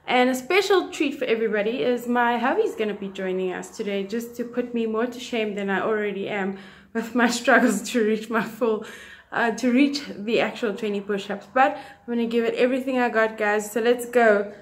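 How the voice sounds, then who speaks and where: A young woman with a high voice talks casually to her fitness vlog viewers. She records on a phone at arm's length in an echoey living room. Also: moderate pace. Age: young adult. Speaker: fitness challenge vlogger. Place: home living room with tiled floor.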